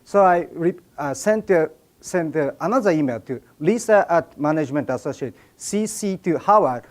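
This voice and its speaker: A man's voice: fairly high pitch, expressive, moderate pace. A man with a Japanese accent, a native Japanese speaker, giving a joking seminar talk and directing a live audience.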